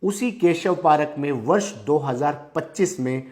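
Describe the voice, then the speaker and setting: A man's voice: on the high side, expressive, a little slow, a little mellow. A man presenting local news commentary in an emphatic, repetitive manner, stressing phrases by restating them.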